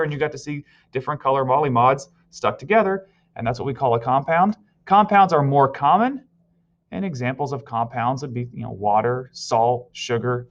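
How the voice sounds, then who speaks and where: A male teacher giving a recorded virtual science lesson, explaining step by step and telling students what to write down. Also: medium pitch. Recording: slightly dull lo-fi audio.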